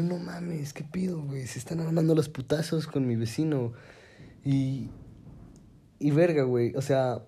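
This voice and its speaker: Young man, Mexican accent, mellow tone, profane slangy storyteller, animated. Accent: Mexican Spanish. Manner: slangy, profane, fillers constantly; animated, pitch jumping when excited. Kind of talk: casual storytelling.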